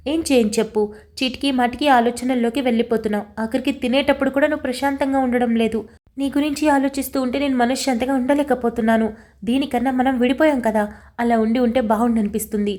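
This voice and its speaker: A woman's voice: fairly high pitch, fairly even intonation, fast talker, dark tone, close to an everyday voice. A woman voicing an anxious young woman in love, pleading through tears in a storybook reading. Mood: upset. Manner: pleading, tearful.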